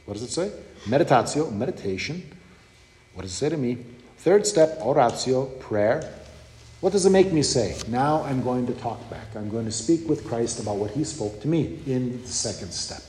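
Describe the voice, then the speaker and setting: A man's voice: medium pitch, expressive, normal speed, dark tone. A man giving a sermon in a conversational teaching manner, often checking in with his listeners. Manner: conversational teaching with frequent "okay?" and "you know". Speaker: preacher. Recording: echoey hall with long reverb.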